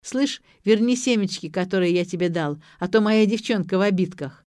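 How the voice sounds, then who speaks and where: A woman voicing a loud, cheeky young man who talks in slang. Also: medium pitch, moderate pace, no room sound, clean studio sound, lightly acted. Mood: boisterous.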